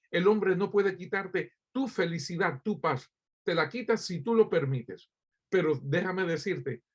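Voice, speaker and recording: A man's voice: high-pitched, slightly rough. A man from Cuba preaching a sermon as pastor, addressing listeners directly with rhetorical questions and frequent hesitant fillers.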